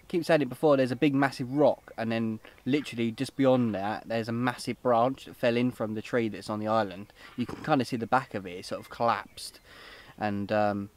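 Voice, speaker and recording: A young British man vlogging outdoors at a lake, talking in an upbeat, rambling way with lots of fillers, filmed on a camera close by. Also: medium pitch. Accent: British English. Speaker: fishing vlogger. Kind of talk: casual outdoor vlog. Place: lakeside, outdoors and under a fishing shelter.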